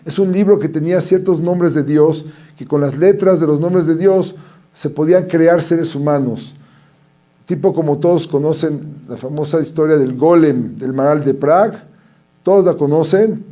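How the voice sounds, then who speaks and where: Rabbi teaching, warm and higher-pitched. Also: male voice, moderate pace. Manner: animated storytelling, acting out quoted voices. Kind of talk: Torah lecture.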